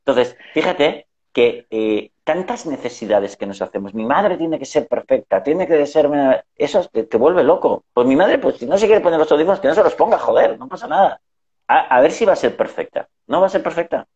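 A man's voice: on the high side, expressive, brisk, darkish tone. A middle-aged man telling family anecdotes in casual conversation, acting out the voices he quotes. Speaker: guest. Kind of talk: conversational storytelling. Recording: dull lo-fi sound.

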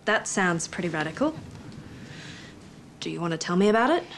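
A woman's voice: fairly low pitch, very animated, normal speed, a little hiss or hum. A woman playing the practical adult who runs a surf school house, speaking straightforwardly and kindly but firmly. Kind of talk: TV teen drama acting.

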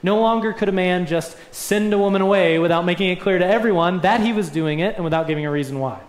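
A young man delivers a sermon from a lectern, earnest and emphatic, pressing his points with rising swells. His voice sits fairly high for a man. The sound rings around a roomy church sanctuary. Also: fast talker. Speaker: pastor. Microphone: lectern mic. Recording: echoey church room.

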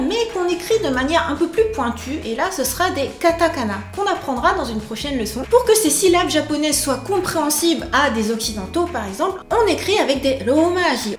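Bubbly high-voiced woman teaching online. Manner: bubbly and enthusiastic, with cheerful exclamations. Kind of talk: upbeat video lesson. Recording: echoey room with faint music.

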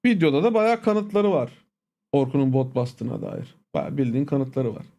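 A man's voice: mid-range voice, animated, moderate pace, creaky, dark tone. A man streaming live, ranting casually to his viewers, blunt, profane and irritated. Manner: addresses viewers familiarly as "abi" and "agalar". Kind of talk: casual livestream rant.

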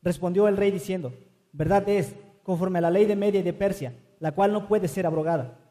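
A man reading scripture aloud in a steady, measured way. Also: high-pitched. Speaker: scripture reader. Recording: long reverb.

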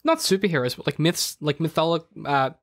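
A man co-hosting a podcast, chatting casually about a book, rambling with many fillers and jumps in pitch. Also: big pitch swings, a little fast. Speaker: podcast co-host. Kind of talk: casual book club chat.

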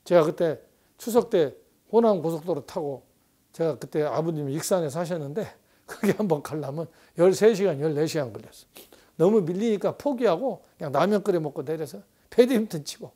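Mellow-voiced man in his sixties lecturing. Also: a little high, expressive, fairly quick. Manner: rambling, rhetorical, frequent prompting asides. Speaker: professor. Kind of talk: conversational political lecture.

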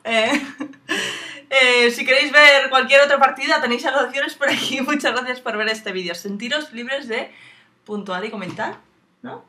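Woman, gaming host, casual chat, slightly high voice, jokey, noisy home recording. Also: moderate pace, bright, forceful tone. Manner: joking, shrieks when startled. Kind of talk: casual let's-play chat.

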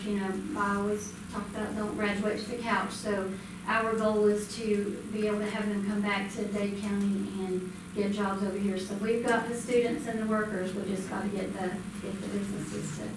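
A school department presenter, a middle-aged woman, addresses a public school board meeting in a medium-pitched, flat voice at normal speed, hardly pausing. Her informal report is casual and full of ums. Picked up from a distance by a room mic while she stands, the audio is reverberant and noisy.

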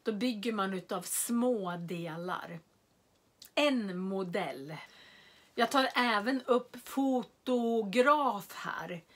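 Woman teacher slowly sounding out words. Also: mid-range voice, lively intonation. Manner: stretches and repeats single words to model pronunciation. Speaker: Swedish language teacher. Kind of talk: slow, carefully enunciated lesson for beginners.

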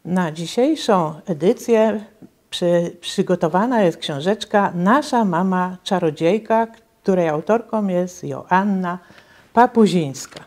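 A woman reading a children's story aloud at a reading event, in measured, careful storytelling. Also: on the low side, darkish tone. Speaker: reader at a cultural centre reading event.

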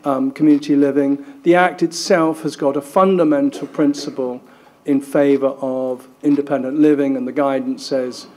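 A man's voice: mid-range voice, a little mellow. A man giving an academic conference talk, self-deprecating and full of ums and restarts. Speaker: conference speaker. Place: lecture room at a conference.

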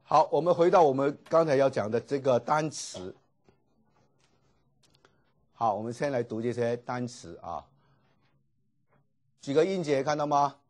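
A man's voice: mid-range voice, animated, measured pace, pauses often. A man teaching a Greek class, explaining patiently and dropping frequent filler particles. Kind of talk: classroom lecture.

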